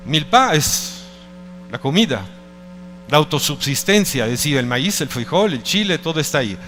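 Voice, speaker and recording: A man's voice: on the high side, big pitch swings, normal speed, a bit bright, big-room sound, faint music behind. A middle-aged man from Italy with an Italian accent, giving a conference talk in a hesitant way, often restarting and searching for words. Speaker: speaker at a conference. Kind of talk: presentation talk.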